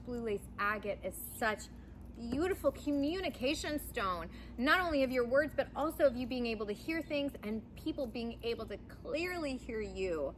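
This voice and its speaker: A woman giving a pick-a-pile card reading in an enthusiastic, chatty way that sometimes gets loud and rowdy. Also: fairly high pitch, a little hiss or hum. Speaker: tarot card reader.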